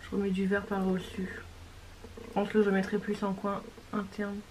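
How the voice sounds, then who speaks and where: Woman, makeup tutorial voice-over, casual and chatty, mid pitch, faint hiss behind. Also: monotone, normal speed, a little mellow, rough recording. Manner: chatty, self-correcting, describing each step. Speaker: beauty vlogger.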